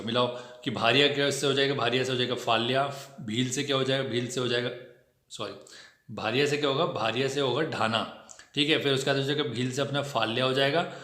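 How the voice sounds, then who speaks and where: A man teaching an exam-prep lesson in a brisk, chatty way, often checking in with his students. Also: mid-range voice, bright, forceful tone, roomy sound. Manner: brisk, chatty explaining with frequent "ठीक है" check-ins. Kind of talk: test discussion lesson.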